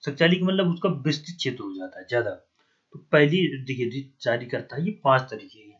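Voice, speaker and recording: A man's voice: medium pitch, expressive, a little fast, breathy edge. A man with a Hindi accent teaching an exam-prep lesson, writing on a board as he talks, spelling terms out letter by letter and often checking with "ठीक है ना". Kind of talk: classroom lecture, writing on a board. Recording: dull, lo-fi recording.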